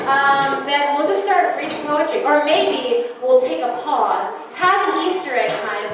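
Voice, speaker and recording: A woman's voice: high voice, unhurried, background noise. A woman speaking on stage at a poetry open mic, as host and poet. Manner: informal, chatty stage talk. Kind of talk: live open mic hosting and poetry recital. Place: indoor open mic room with audience. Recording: echoey room, distant mic, music behind.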